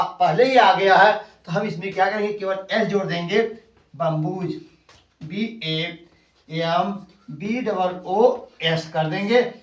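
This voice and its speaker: High-voiced male teacher in echoey room. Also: fairly bright tone, recorded from a distance. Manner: slow, spells words letter by letter. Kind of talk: classroom grammar lesson.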